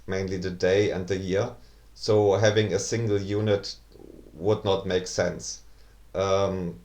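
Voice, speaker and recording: A man's voice: low-pitched, a little mellow. A man giving rebuttal commentary in a pedantic, sarcastic manner. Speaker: video commentator debunking claims. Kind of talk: rebuttal commentary over clips.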